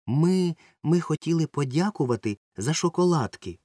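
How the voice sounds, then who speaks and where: A man's voice: a little high, animated, moderate pace, mellow, no echo, clean studio sound, voice pushed up. A man voicing a timid young boy who stammers when caught off guard, in an audiobook. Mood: flustered. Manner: stammering, flustered. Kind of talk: audiobook character voice.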